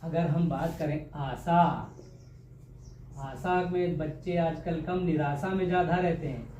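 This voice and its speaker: A man teaches grammar for an exam, his voice sitting a little high. He keeps firing questions and repeating the answers with a playful, homely touch. The recording echoes around the room over a faint ambient hum. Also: steady tone, measured pace, mellow. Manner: joking, homely teacher talk. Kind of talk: exam-prep grammar lesson.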